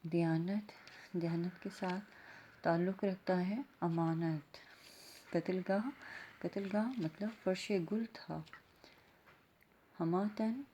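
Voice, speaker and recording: A Pakistani woman teacher gives a classroom lesson in a methodical way, spelling words out mark by mark. Her voice sits on the low side and sounds mellow and soft-edged. A faint hiss runs under it. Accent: Pakistani Urdu. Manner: methodical, spells out vowel marks letter by letter. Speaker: school teacher. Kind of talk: classroom lesson, answering exercise questions.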